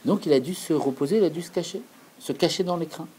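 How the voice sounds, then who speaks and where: A man's voice: fairly high pitch, fast, a little mellow, slight background noise, low-quality recording. A man giving an earnest, explanatory Torah lesson, repeating key phrases for emphasis. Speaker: Torah teacher.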